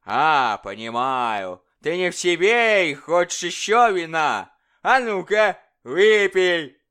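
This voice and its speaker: A cruel, boisterous king roars and taunts in a storybook reading, his voice raised high and loud as a man acts him out. The tone stays smooth and resonant beneath the bluster, all bullying mockery. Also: sing-song, slow, exaggerated voice. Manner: bellowing, mocking, booming laughter.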